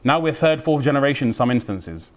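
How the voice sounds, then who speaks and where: A British man from the United Kingdom gives a religious talk as a preacher, in a lively, slangy way, acting out the voices he quotes. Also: medium pitch, fairly quick. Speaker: Islamic preacher.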